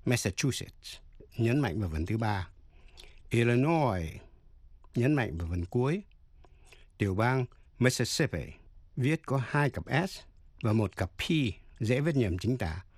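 A man's voice: on the low side, lively intonation, moderate pace, darkish tone, husky, dry recording, studio quality. A man teaching an English lesson on the radio, explaining pronunciation carefully and spelling words out letter by letter.

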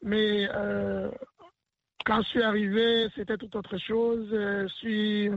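A man from Burundi, a guest on a radio interview, speaking hesitantly with many filler pauses. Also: high-pitched, level tone, creaky, dry recording. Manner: hesitant, lots of "euh". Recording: dry, tinny phone line.

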